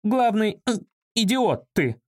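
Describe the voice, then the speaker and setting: A man reading an audiobook, voicing a frantic, shrill woman who shrieks and scolds. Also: animated, normal speed. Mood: furious. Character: shrill frantic woman, fashion designer's assistant.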